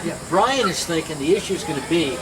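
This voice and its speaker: A man's voice: fairly high pitch, lively intonation, quick pace, over a noisy crowd. A man hosting live with casual, chatty banter, often repeating short phrases. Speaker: host. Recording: very noisy outdoor setting with hiss.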